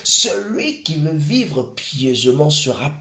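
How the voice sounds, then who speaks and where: A man's voice: on the high side, big pitch swings, takes it slowly, fairly bright tone. A man preaching a sermon, emphatic and repeatedly calling his listeners beloved. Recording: echoey room.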